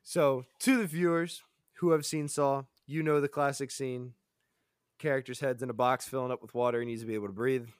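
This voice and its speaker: A man's voice: mid-range voice, steady tone, a little fast, smooth, dry recording, studio quality. A man co-hosting a casual chat, rambling, stuttering and laughing as he talks. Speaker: podcast co-host. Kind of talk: casual chat reviewing a show.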